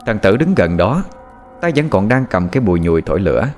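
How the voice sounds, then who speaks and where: A man narrating a scripted horror story in an expressive, suspenseful way. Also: lowish voice, fairly quick. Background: faint music.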